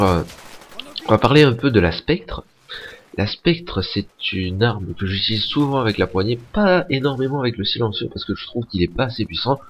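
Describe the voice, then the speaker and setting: A young man with a fairly low voice chats loosely through his gameplay commentary, wandering off track and cursing freely. Faint noise sits under the recording. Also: dull audio. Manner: casual, rambling, swears often. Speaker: gaming YouTuber.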